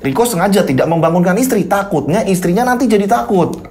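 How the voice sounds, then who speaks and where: A storyteller casually narrating a horror tale, with chatty asides and dramatic pauses. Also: male voice, high-pitched, animated, darkish tone. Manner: conversational, dramatic pauses, fillers like "ya kan".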